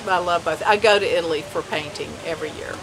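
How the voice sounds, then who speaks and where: A middle-aged woman from Alabama, a watercolor painter, giving measured, unhurried answers in an outdoor interview. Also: lowish voice, background noise. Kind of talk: casual interview. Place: outdoors at an art fair booth. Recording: crowd chatter behind.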